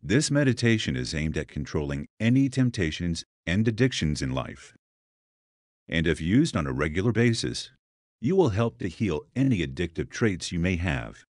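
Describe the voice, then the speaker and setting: In a dry recording with little room sound and no echo, a deep-voiced man reads a scripted guided meditation. His pace is slow and soothing, with pauses between phrases, yet his intonation moves up and down in a lively way.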